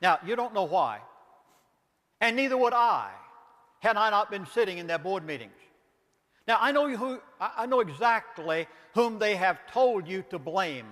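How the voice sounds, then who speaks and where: A man's voice: high-pitched, sing-song, moderate pace, a bit bright, big-room sound. An older man with a Southern accent, a pastor giving an impassioned lecture, emphatic and pleading, asking rhetorical questions.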